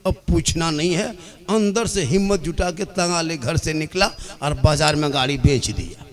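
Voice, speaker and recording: A preacher holds a gathering with a long story. His voice sits high for a man. He slides from plain talk into fervent, half-sung calls. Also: fairly even intonation, moderate pace. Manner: storytelling, shifting between speaking and fervent sung, shouted invocations. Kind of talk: religious sermon with storytelling. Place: religious gathering.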